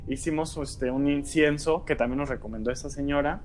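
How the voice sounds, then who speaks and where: A man's voice: fairly high pitch, a little fast, slight background noise. A man with a Mexican accent tells a personal story in casual speech, packed with slang and fillers like "este" and "¿no?". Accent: Mexican Spanish. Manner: animated, colloquial, filler-heavy with frequent "este" and "¿no?". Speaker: storyteller guest.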